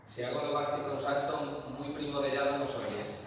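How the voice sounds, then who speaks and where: Man with booming cathedral-like echo. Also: steady tone, normal speed, noisy background. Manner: explains plainly, then counts while exercising. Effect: heavy echo like a cathedral. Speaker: fitness vlogger. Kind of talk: casual workout talk. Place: small enclosed chamber. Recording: booming echo, distant from the mic.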